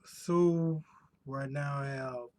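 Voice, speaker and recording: An American man from the United States chats casually on a live stream from his home room, speaking extremely slowly in a medium-pitched, slightly mellow voice with fairly even intonation. He rambles, often restarting and rephrasing himself. A pollen allergy has left his voice slightly worn.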